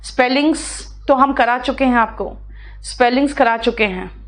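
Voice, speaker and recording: Indian woman teacher, fairly high voice, reads English lines slowly and explains them in Hindi to her students. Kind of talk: live online class, answering student questions.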